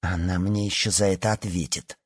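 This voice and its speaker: A man reading an audiobook and voicing a blunt, tough-minded teenage girl who speaks gruffly and curtly. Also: low voice, fairly even intonation, brisk, no room sound, clean studio sound. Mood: curt angry. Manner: gruff and curt.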